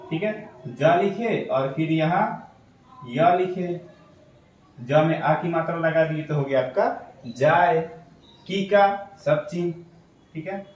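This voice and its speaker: A man teaching shorthand step by step, patiently asking questions and answering them himself. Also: fairly high pitch. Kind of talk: step-by-step tutorial explanation. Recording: echoey room, voice from a distance.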